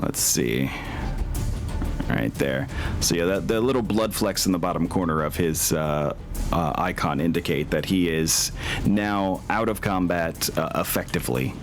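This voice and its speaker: With music playing in the background, a man narrates a tabletop war game as game master at a measured pace. His voice is low, and he mixes in casual asides, curses and exclamations.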